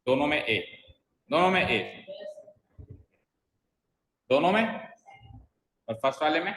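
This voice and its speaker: Echoey, high-voiced male teacher. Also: animated, normal speed, a bit bright. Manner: coaxing, quizzes students by name. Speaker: English teacher. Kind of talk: online class teaching grammar. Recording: echoey roomy sound.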